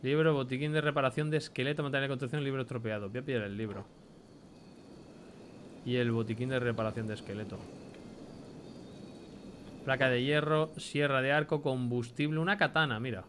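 A man's voice: mid-range voice, fairly even intonation, a little fast, long pauses, a bit bright, a little hiss or hum. A young man with a Spain Spanish accent giving chatty let's play commentary, swearing casually and reading item names aloud. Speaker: gameplay commentator.

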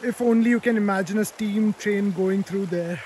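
On the road in his twenties, a man films a casual travel vlog outdoors and in a rented cottage, speaking enthusiastically straight to his viewers. His high-pitched voice is a little mellow at a moderate pace, and a little hiss or hum can be heard.

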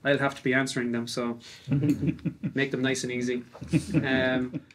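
A man welcoming visitors as a factory tour guide, halting and repeating his words. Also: slight background noise. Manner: halting, repeats words, steady flat pitch. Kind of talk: informal tour welcome speech.

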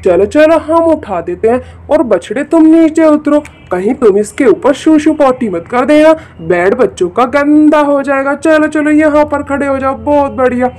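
A woman's voice: high-pitched, moderate pace, hardly any pauses, a little mellow. A woman narrating a toy doll play for children, exclaiming, repeating herself and speaking straight to the kids. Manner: exclaiming, repeats "look, look" and "very good"; addresses children directly. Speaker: storyteller for a toy channel.

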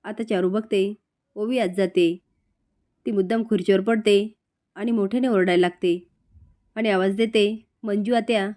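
A woman narrating a storytelling recap of a drama serial in a brisk retelling manner. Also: mid-range voice, fairly even intonation, mellow.

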